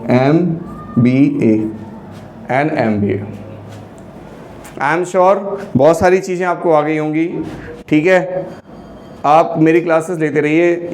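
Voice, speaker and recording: A man's voice: a little high, darkish tone. Man teaching grammar, echoey room. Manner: coaxing, quizzing students with repeated questions. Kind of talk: online grammar lesson. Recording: echoey room with faint noise.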